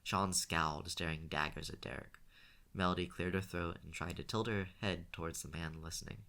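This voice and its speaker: A man reading a novel aloud as an audiobook, in a steady voice with small restarts. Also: sits low, normal speed, vocal fry. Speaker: audiobook reader.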